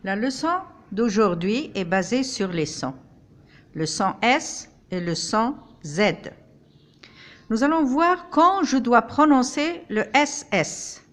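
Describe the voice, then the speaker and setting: An older woman teaching a language lesson, speaking slowly and deliberately, sounding out each syllable for listeners to repeat. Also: fairly high pitch, sing-song, a bit bright. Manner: slow, deliberate, spells out each sound for repetition. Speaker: French teacher.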